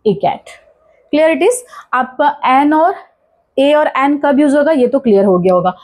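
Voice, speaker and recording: High-voiced Indian woman teaching grammar. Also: expressive, unhurried, a little mellow. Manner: asks questions and answers them herself, repeats key points; mixes Hindi with English terms. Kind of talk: classroom-style grammar lesson.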